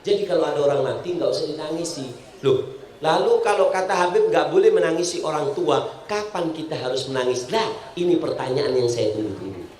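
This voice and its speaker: A man's voice: fairly high pitch, lively intonation, a little fast, darkish tone. A man with a Madurese accent preaching a humorous sermon, speaking straight to his congregation and mixing jokes with teaching. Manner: addresses the audience directly, mixing jokes and teaching. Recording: echoey hall sound.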